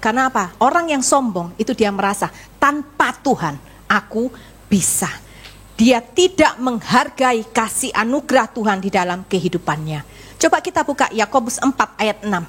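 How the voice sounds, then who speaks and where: A woman pastor preaching a sermon to a congregation, telling lively personal stories with rhetorical questions. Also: a little high, fairly quick, husky. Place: church service.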